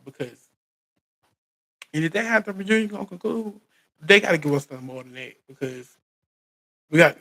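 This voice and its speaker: Poor audio carries the medium-pitched, slightly bright voice of an American recap host, marked by vocal fry. In his casual live reality TV chat he uses colloquial wording and keeps starting over and repeating himself.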